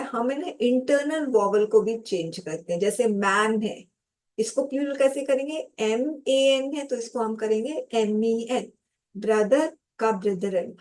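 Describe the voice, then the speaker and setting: Woman, grammar teacher, fairly high voice, slow and patient, poses questions and answers them herself. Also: darkish tone. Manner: addresses viewers as students. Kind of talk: classroom grammar lesson.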